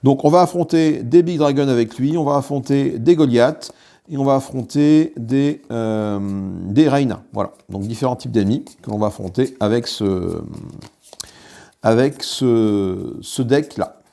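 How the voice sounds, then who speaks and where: A man's voice: mid-range voice, measured pace, vocal fry, mellow. A man hosting a board game channel, talking viewers through a solo playthrough with frequent fillers and restarts. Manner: talks viewers through card rules while handling components.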